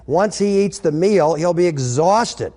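A man's voice: high voice, expressive, a little slow, mellow, long reverb tail. A man voicing Naomi, an older woman coaxing her widowed daughter-in-law, with a chatty, folksy manner.

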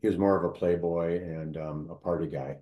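A man in casual conversation, telling local history at length, halting often with fillers and restarts. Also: low-pitched, fairly even intonation, roomy sound, highs cut off.

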